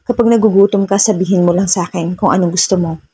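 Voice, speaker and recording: A woman voicing a gentle, concerned young husband who talks softly and slips into English. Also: high-pitched, fairly even intonation, quick pace, a little hiss or hum. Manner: soft, mixes English into speech.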